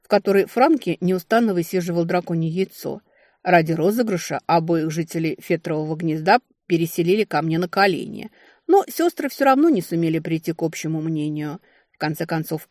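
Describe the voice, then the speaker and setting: Expressive woman narrating an audiobook, dry. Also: fairly low pitch, dry recording. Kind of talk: scripted narration of a fantasy novel.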